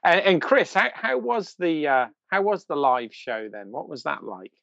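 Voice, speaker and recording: A man hosting a casual chat, talking in an animated, storytelling way. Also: a little high, normal speed, vocal fry, no room sound. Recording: dull, dry lo-fi sound.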